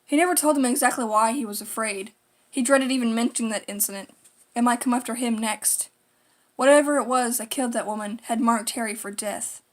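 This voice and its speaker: Reading a horror script aloud, a female narrator with a slightly high voice paces herself carefully and dramatizes each line, creepypasta fashion.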